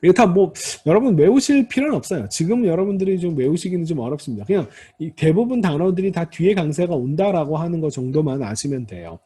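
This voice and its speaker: A man's voice: a little high, lively intonation, fast talker, few pauses, dark tone, breathy edge. A man teaching a recorded Hebrew lesson, explaining step by step, addressing students politely, and demonstrating word stress aloud. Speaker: Hebrew instructor. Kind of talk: recorded lecture.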